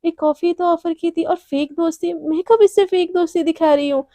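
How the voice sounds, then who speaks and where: A woman puts on a chatty young junior colleague in a spoken love story. She grumbles to herself in a high, warm voice, recorded dry and close. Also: steady tone, moderate pace, no echo. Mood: grumbling.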